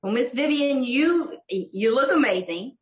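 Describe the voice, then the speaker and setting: A woman's voice: high voice, expressive, a little slow. A woman chatting casually as co-host of a talk show, in muffled, roomy sound. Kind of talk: casual interview chat.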